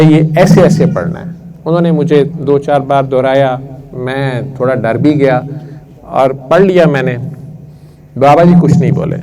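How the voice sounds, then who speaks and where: A man earnestly recounting a personal spiritual story at a prayer session, unhurried and reflective. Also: medium pitch, poor audio. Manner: unhurried and earnest, recites verses slowly.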